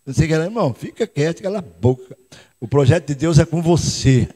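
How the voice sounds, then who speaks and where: A man with a Brazilian accent, a pastor preaching a lively sermon and calling on the congregation to answer, sometimes shouting, sometimes speaking quietly. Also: fairly high pitch, quick pace. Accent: Brazilian Portuguese. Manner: calls out to the congregation, prompts responses; switches between loud shouts and quiet asides. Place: church hall. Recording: long reverb of a church hall.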